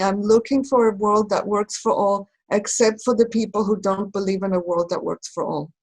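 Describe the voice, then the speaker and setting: A woman from Israel speaking reflectively in a recorded conversation, pausing and searching for her words. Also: mid-range voice, a little mellow, rough recording. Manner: thoughtful, halting, searching for words. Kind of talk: reflective talk.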